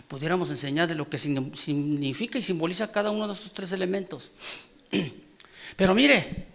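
A man's voice: high voice, a bit bright. A man preaching a sermon, emphatic, calling out questions to the congregation. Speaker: guest preacher.

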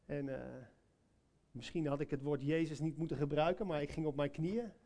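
A man's voice: fairly high pitch, moderate pace, dark tone. A man preaching a sermon, telling a personal story in a conversational way, with many hesitations and direct questions to listeners.

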